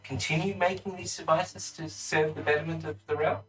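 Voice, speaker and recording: A man's voice: on the high side, steady tone, brisk, fairly bright tone, recorded from a distance, soft background music. A man narrating a tabletop game as game master.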